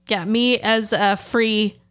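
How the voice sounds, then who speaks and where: A woman's voice: mid-range voice, fairly even intonation, slow, a bit bright, smooth. Giggly woman co-host with hiccups. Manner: giggly, easygoing banter. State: has the hiccups. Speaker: podcast co-host. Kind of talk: casual chat.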